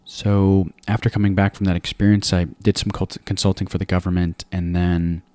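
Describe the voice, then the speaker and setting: Deep-voiced, flat-toned man. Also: moderate pace, smooth, no room sound. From Afghanistan. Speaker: podcast guest. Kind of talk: interview answers.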